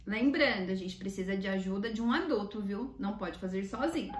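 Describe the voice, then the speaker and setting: A woman's voice: medium pitch, a little fast, a little mellow. A woman with a Brazilian accent teaching children a craft like a kids show host, in simple child-directed talk. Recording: echoey room, distant mic, faint noise.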